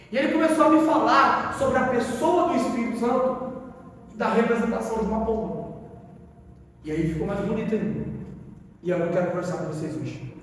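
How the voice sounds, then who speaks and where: A man's voice: very high-pitched, slight background noise. A man preaching a sermon, telling a personal conversion story in an emotional, conversational way with casual slang and a Brazilian accent. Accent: Brazilian Portuguese. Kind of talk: sermon testimony. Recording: echoey hall from far off.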